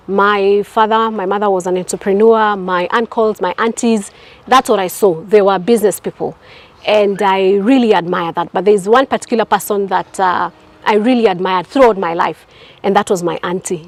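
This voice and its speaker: A middle-aged woman, answering interview questions in an earnest, reflective way, building her points through lists of repeated phrases. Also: medium pitch. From Kenya. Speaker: entrepreneur and guest. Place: outdoors at a housing estate.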